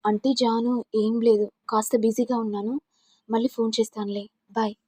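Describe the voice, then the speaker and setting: A woman voicing a heartbroken young man who speaks tearfully and haltingly. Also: a little high, flat delivery, mellow, slightly rough, dry recording, clean studio sound. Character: young man grieving for his love, tearful.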